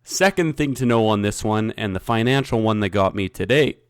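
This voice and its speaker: A man's voice: on the low side, animated, normal speed, smooth, no echo. A man co-hosting a podcast, chatting casually and joking, sitting close to the mic. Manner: joking, swears freely. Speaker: podcast co-host. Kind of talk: casual chat.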